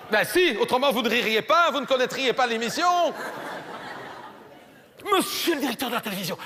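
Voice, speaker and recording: A man with a Belgian French accent doing stand-up comedy in a playful, animated way, often stumbling into restarts, performing live in a large theater. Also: high-pitched. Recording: live stage, long hall reverb.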